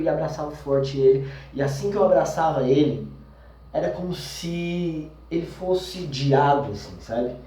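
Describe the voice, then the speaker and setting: Brazilian man recounting a scare in a roomy space. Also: fairly high pitch. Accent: Brazilian Portuguese. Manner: intense, shifts between fast agitated bursts and slow hushed trailing, many fillers. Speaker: vlogger telling a personal experience. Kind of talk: personal storytelling. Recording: roomy, mic at a distance.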